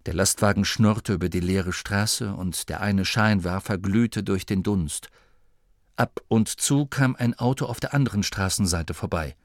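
A man narrating a story in an expressive, steady reading. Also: fairly low pitch, unhurried, dry recording, clean studio sound. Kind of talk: audiobook narration.

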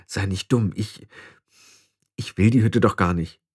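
A man's voice: fairly low pitch, a little slow, husky. A man reading the part of a modest young witch girl who hesitates and hedges. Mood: hesitant. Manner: hesitant, fillers.

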